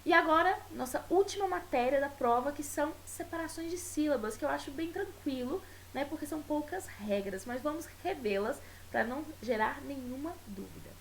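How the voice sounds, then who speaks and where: Brazilian woman teacher, high-ish voice, patient explainer who draws out example words; slight tape hiss. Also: animated, rough recording. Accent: Brazilian Portuguese. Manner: explanatory, repeats words slowly and stretches them for pronunciation; checks in often with tag questions. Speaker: Spanish teacher. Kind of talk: recorded school video lesson.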